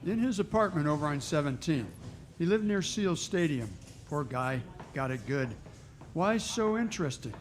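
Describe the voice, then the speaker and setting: A man's voice: fairly high pitch, lively intonation, moderate pace, natural voice. A man playing an easygoing, slightly awkward homicide inspector in 1940s radio drama style, folksy and hesitant. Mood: casual.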